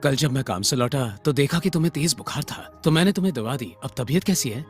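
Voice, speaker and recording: A man plays a gentle, reassuring young husband who hides his wealth. His mid-pitched voice rises and falls expressively, with soft music behind it in this dubbed romance drama. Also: animated, fast, lightly acted. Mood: calm. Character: calm young male CEO posing as poor husband. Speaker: voice actor. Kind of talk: Hindi dub acting.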